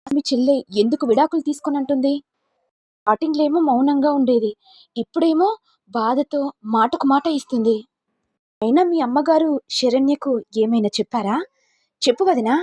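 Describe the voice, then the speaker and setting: A woman's voice: high-pitched, normal speed, long pauses, dark tone, no room sound, lightly acted. A woman voicing a troubled young brother-in-law in a story, complaining earnestly about his wife.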